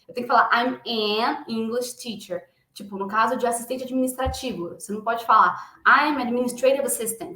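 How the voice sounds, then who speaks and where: Woman, English teacher, live online lesson, patient step-by-step explaining, slightly high voice, roomy echo. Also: fairly bright tone. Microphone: computer mic in a live stream, screen shared. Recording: echoey room.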